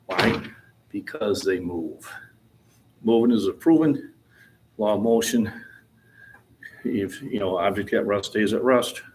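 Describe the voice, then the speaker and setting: A man's voice: fairly low pitch, lively intonation, takes it slowly, pauses often, a little mellow, a little hiss or hum. A man in his sixties talking casually in a gym about his lifting, plainspoken and rambling. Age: 60s. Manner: plainspoken, rambling, chuckles easily. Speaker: fitness vlogger. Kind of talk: casual gym vlog talk.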